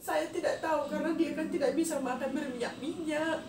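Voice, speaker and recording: A high-voiced woman in her thirties shares a personal story, her words halting and emotional. She sounds set back from the mic in an echoey space. Steady background noise runs underneath. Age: 30s. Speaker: vlogger. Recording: echoey distant mic with noisy ambience.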